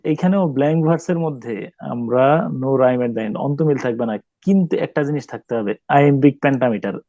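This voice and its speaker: A male teacher giving a classroom poetry lesson, questioning students and pausing often to search for words. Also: medium pitch, mellow, no room sound, highs cut off. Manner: stops to quiz students, mixes English terms, many hesitations.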